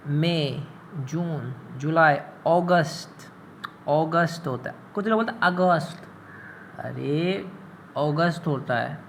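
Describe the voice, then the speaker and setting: A man's voice: on the high side, slight background noise. A man teaching English pronunciation in Hindi, drawing out and repeating each word with teasing asides. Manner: slow, drawn-out words, repeats terms for learners, teasing asides.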